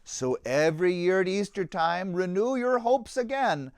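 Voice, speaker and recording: A high-voiced man with a clear, resonant tone reads an expressive storybook to children the way a pastor might, a little slowly, in a dramatic, rhythmic style with very animated intonation. There's no echo in the dry recording.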